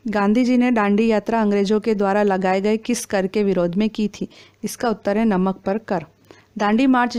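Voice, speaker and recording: A woman reading exam quiz questions and their answers in a steady, formal recitation. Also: medium pitch, clear, resonant tone.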